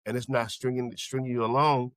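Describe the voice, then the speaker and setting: A man's voice: medium pitch, level tone, fairly quick, no room sound. A male podcast co-host talks. He restarts phrases and repeats words while he thinks it through. The sound is dry and close. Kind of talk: casual group discussion.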